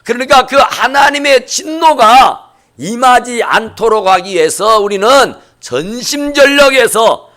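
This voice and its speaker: A man preaches a Sunday sermon in a church. His voice sits high and swoops dramatically, climbing to shouted exhortations before falling away at the close of each phrase. He speaks with fervent, pleading intensity. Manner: impassioned preaching, rising to shouts and dropping low at phrase ends. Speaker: pastor. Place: church sanctuary.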